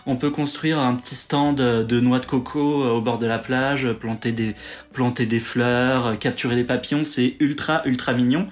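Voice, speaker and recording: A man's voice: medium pitch, flat delivery, normal speed. A man hosting a podcast, chatting casually over a remote call, full of fillers and restarts. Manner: chatty, many fillers and self-corrections. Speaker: podcast host. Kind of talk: casual chat.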